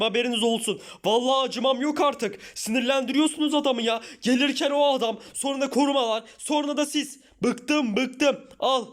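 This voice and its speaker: A man voicing an exasperated, short-tempered young newcomer in a Minecraft parody, grumbling and sighing at everyone in his way. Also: extremely high pitch. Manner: grumbling, sighs "tövbe tövbe".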